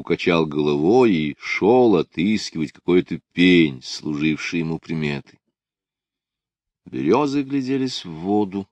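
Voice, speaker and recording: Male audiobook narrator, low and expressive; dry close-mic read. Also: dry recording.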